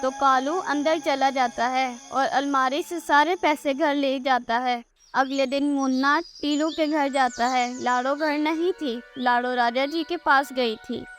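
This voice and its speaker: A woman narrates a cartoon moral story in a scripted storybook style. Her voice is high and her pace is slow and even. Faint music plays underneath.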